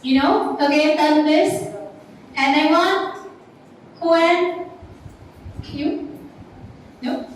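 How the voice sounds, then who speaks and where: A woman with a Vietnamese accent teaching an English class, speaking slowly and checking often that the students understand. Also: high-pitched, slight background noise. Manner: slow, repeats "understand?" and "right?" to check the class. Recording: echoey classroom from far off.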